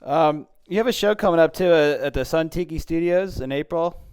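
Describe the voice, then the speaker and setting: A man's voice: on the high side, fairly quick, darkish tone. A man hosting a podcast interview, enthusiastic and often restarting his sentences. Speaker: podcast host. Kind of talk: casual interview chat.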